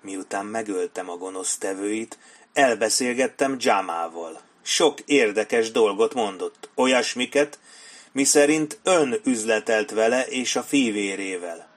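A man's voice: lowish voice, lively intonation, close to an everyday voice. A man doing a cold, menacing soldier. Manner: blunt and coldly threatening. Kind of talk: audiobook character voice.

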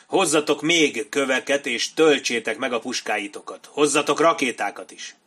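A stern military colonel from an audiobook , voiced by a male narrator. He barks short commands at his men, loud and clipped. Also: medium pitch, husky. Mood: commanding. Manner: shouted commands.

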